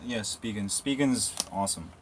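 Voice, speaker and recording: With a lowish voice at a moderate pace and a noisy background, a man live-streams from a handheld phone, wandering around and sometimes outside. He answers viewer questions about phones and other topics in a loose, rambling way full of restarts and side remarks.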